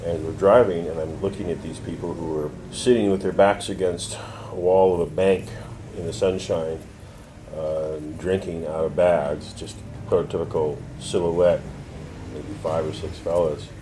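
A middle-aged man, a defense attorney, telling a personal story in an interview in a reflective, measured way with pauses. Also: deep voice, steady tone, background noise. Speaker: defense attorney, former prosecutor. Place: his law office.

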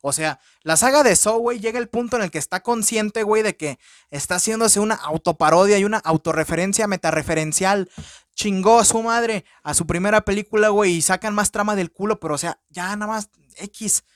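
A man with a Mexican Spanish accent hosting a low-budget podcast, reviewing a film in a crude, profane, joking way. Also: brisk, dry recording, studio quality. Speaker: podcast host. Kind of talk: casual film review rant. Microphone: podcast microphone.

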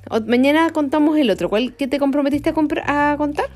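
A woman's voice: high-pitched, fairly quick, darkish tone. A woman reading a children's book aloud, stopping to explain and ask questions. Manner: explaining and asking questions between the pages.

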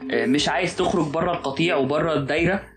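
A man's voice: fairly high pitch, very fast. A man with an Egyptian accent in casual chat, musing philosophically and often restarting his sentences, with music playing underneath.

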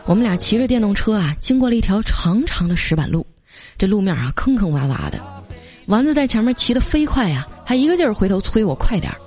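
A woman's voice: medium pitch, fast. A young woman hosting a podcast, reading funny everyday anecdotes in a chatty storytelling manner, with light music underneath. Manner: chatty storytelling with lively quoted voices. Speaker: podcast host.

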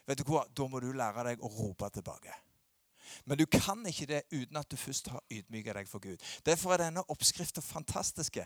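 A middle-aged man preaching a sermon, swinging between loud emphatic peaks and low quiet asides. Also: no echo, clean studio sound. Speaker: pastor.

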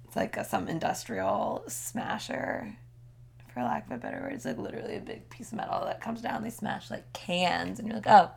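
A woman's voice: mid-range voice, huge pitch swings, moderate pace, creaky, slight background noise. A woman chatting casually on a podcast, rambling and full of "like", who is losing her voice and laughs often. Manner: rambling, peppered with "like". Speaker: podcast co-host. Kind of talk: casual chat.

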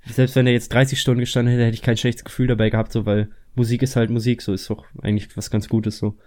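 A man's voice: medium pitch, level tone, fast talker, darkish tone. A young man chatting casually, rambling with lots of filler words. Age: young adult. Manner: rambling, many fillers like "so" and "halt". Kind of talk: casual chat.

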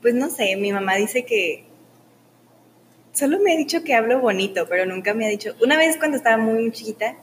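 A young woman, answering interview questions in a soft, filler-heavy casual way. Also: a little high, animated, fairly quick, slight background noise, low-quality recording. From Mexico. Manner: soft-spoken, uses many fillers like "o sea" and "como que".

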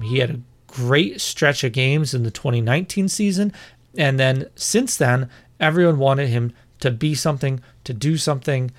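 A man giving an opinionated fantasy football breakdown in a casual, conversational monologue, correcting himself as he goes. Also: medium pitch.

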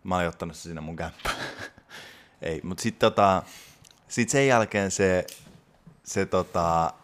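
Young guy rambling thru a story, kinda low voice, lots of umm and restarts. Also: a bit bright. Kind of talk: casual chat.

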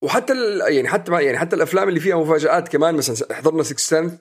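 Higher-voiced Levantine man, rapid Arabic-English mix. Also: animated. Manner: mixes English phrases into Arabic. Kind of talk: casual film discussion.

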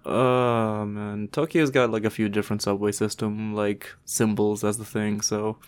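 A young man co-hosting a podcast in casual, halting, slangy talk with some swearing. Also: on the low side, little pitch movement, smooth. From Toronto, Canada. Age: young adult. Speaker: podcast co-host. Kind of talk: casual chat.

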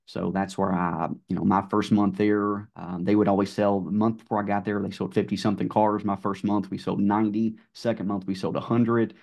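A middle-aged man with a Southern drawl, telling his car sales story in a relaxed podcast chat full of fillers. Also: fairly low pitch, a little fast, creaky, hardly any pauses. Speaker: guest, car sales manager. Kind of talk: casual podcast conversation.

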